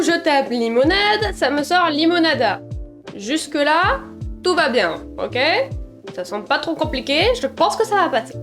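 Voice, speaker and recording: A young woman talks straight to her audience in a casual storytime. Her voice sits high, and she tells her mishaps in a lively, self-mocking way. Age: young adult. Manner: animated, self-mocking, chatty. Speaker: vlogger.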